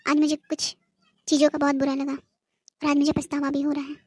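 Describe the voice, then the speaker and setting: A woman's voice: sits high, monotone, normal speed, no echo, lightly acted, low-quality recording. A woman voicing a proud, scolding middle-aged mother-in-law in a cartoon who later apologizes. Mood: remorseful. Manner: bossy and loud, then apologetic. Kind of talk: cartoon voice acting.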